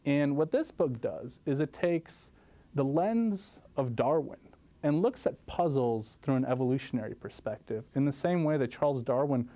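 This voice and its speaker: Brief: man from Lithuania, thirties, studio interview guest, warm mellow tone, animated telling. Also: normal speed. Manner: animated storytelling, lively pitch jumps. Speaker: guest professor. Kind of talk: interview answers. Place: studio set, seated. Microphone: lapel mic.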